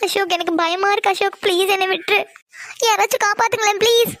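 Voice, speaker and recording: A woman's voice: very high voice, steady tone, quick pace, a bit bright, dry recording, studio quality. A woman voicing a frightened young college girl in a cartoon drama, tearfully pleading to be left alone.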